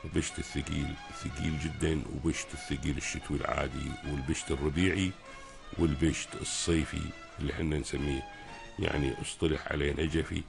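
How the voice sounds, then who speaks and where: A man with a Kuwaiti Gulf Arabic accent explaining things as a guest expert on a radio talk, pausing to search for words. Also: a bass voice, level tone, creaky, music in the background.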